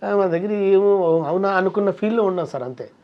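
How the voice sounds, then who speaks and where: A man's voice: sits high, a little fast, muffled recording. A man, a comedian and mimic, talking in a casual interview and acting out quoted voices as he tells stories.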